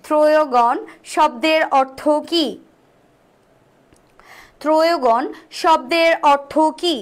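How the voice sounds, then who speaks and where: A woman tutor leading a live online exam-prep class, repeating each question and answer several times and slowly sounding out letters to demonstrate. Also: high-pitched. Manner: urges viewers to answer quickly. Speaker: admission test tutor.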